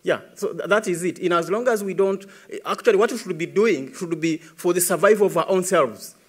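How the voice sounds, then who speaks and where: A man in his thirties with a Ugandan English accent, speaking earnestly as an environmentalist answering questions at a tribunal, building emphasis as he goes. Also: high-pitched. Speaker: environmentalist witness. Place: large dark conference stage. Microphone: podium microphone.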